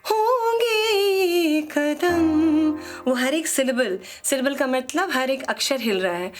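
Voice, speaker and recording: A woman teaching a song, explaining quickly in speech and singing phrases slowly to demonstrate. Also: high voice, expressive, faint music behind.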